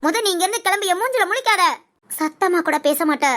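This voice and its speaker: A woman brings to life a hurt, unmarried older woman in a storybook drama, her voice pitched very high. She talks sharply and defensively, pushing away anyone who comes close. Underneath the sharpness there is a proud, wounded pride. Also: animated, fairly quick, fairly bright tone. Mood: angry. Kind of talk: audio story role-play.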